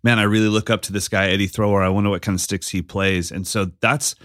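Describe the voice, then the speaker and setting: A man co-hosting a casual podcast conversation, telling stories with animated energy and slipping into voices when he quotes people. His voice sits a little low for a man, recorded close and dry with no room sound. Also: quick pace, dry recording. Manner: animated storyteller, acts out quotes. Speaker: podcast co-host. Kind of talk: casual chat.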